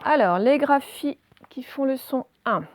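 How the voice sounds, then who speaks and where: A woman's voice: high-pitched, animated, slight background noise. Patient woman teacher spelling out letters. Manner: patient, spells out letters slowly and checks in often. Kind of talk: reading lesson for children.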